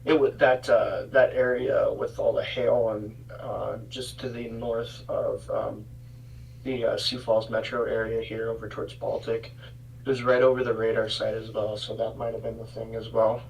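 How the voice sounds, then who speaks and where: Gravelly-voiced man giving live weather updates. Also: medium pitch, level tone, moderate pace, a little mellow, slight background noise. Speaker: severe weather livestream co-host. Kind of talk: casual unscripted live weather commentary. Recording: distant mic.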